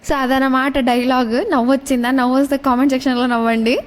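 A woman's voice: high-pitched, flat delivery, fast, a little hiss or hum. A young adult woman chatting casually in a family vlog, reminiscing with playful asides. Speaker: family vlogger.

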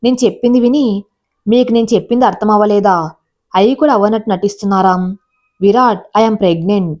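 A woman's voice: medium pitch, moderate pace, a little mellow, close to an everyday voice. A woman voicing a young pregnant wife who asks pointed, teasing questions.

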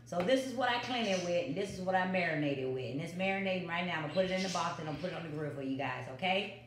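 A woman's voice: fairly low pitch, expressive, rapid-fire, background noise. A middle-aged woman, chatting casually to viewers of her home cooking vlog, repeating her catchphrases. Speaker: vlogger. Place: home kitchen. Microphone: built-in phone mic on the counter. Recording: echoey kitchen.

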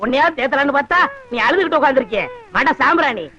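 Naive village simpleton, childish questions, high pitch, bright tone, dull lo-fi film soundtrack. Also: male voice, lively intonation, very fast, heavily acted. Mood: boastful. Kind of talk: film comedy dialogue.

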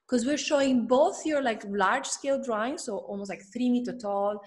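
A woman's voice: fairly high pitch, moderate pace. A woman with an Italian accent interviewing an artist, hesitant with many fillers. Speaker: curator interviewer. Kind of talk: interview questions and reading aloud.

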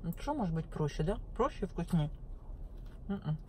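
A woman's voice: lowish voice, very animated, normal speed, warm tone, slight background noise. Woman chatting with her mouth full. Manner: savoring, murmuring "mm" between bites. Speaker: mukbang vlogger. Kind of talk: casual chat while eating.

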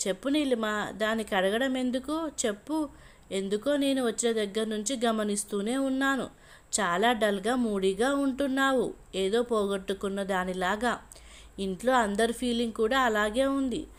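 A woman's voice: a little high, moderate pace, close to an everyday voice. A woman storyteller voicing a grown man, a husband who speaks in a dry, cutting, matter-of-fact way, in a storybook reading. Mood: dismissive.

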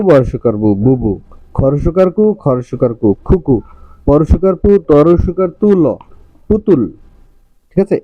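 A male primary school teacher, slowly spelling out words and repeating each one for his students. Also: fairly high pitch, no room sound. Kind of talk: slow spelling drill. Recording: dry, somewhat dull recording.

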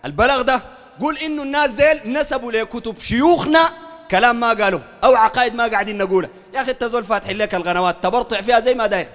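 A man with a Sudanese Arabic accent preaches in a heated polemical lecture, his voice pitched unusually high and rushing along. He argues fiercely and keeps pressing his listeners to confirm they follow. A long hall reverb trails after his words. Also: fairly bright tone. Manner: fiery, keeps asking "understand?", raises his voice. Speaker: sheikh.

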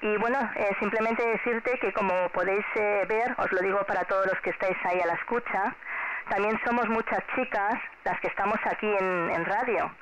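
Over a noisy, muffled amateur radio signal, a middle-aged Spanish woman with an accent from Spain talks briskly in a mid-range voice. She keeps up a casual, friendly radio contact chat with a child, encouraging them and repeating herself often. It's heard through a transceiver speaker as two-way shortwave.

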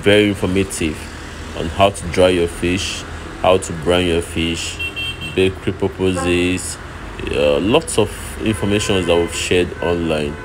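Guy with a low voice showing off an oven on his phone, lots of noise around. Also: fairly even intonation, a little slow. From Nigeria. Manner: explaining step by step, repeats himself. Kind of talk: walkthrough narration while filming. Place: workshop and outdoor street site. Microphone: phone held while filming. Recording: phone video with loud background noise.

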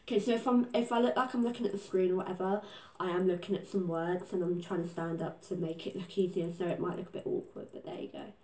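Quick-paced and a little mellow, her fairly low voice holds a steady tone. She's a teenage vlogger with a stuffy cold chatting casually and self-deprecatingly indoors in her living room around an a cappella cover, and the audio is roomy and poor.

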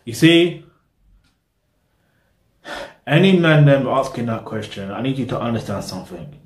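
A young man talks casually to his camera, rambling and circling back when he loses his thought. His voice sits at an ordinary middle pitch. The small room gives it a noticeable echo. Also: animated, measured pace. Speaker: reaction video host. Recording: roomy echo.

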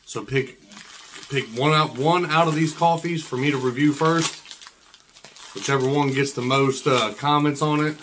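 A man's voice: on the high side, fairly even intonation, moderate pace, fairly bright tone. A man in his thirties with a whistling s, chatting casually and slangily as he presents an unboxing, often repeating himself. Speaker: coffee review vlogger. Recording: clear background noise and clicks.

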